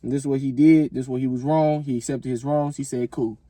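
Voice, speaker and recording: A man's voice: mid-range voice, steady tone, quick pace, mellow, dry recording. An American man chatting casually in a reaction video, emphatic and blunt, with street slang and heavy swearing.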